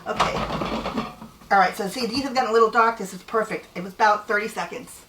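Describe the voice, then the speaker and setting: A woman's voice: mid-range voice, fast, background noise. A woman hosting a cooking show, chatting casually and playfully while she cooks. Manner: chatty, friendly, playful with her partner. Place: home kitchen. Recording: echoey room, mic at a distance.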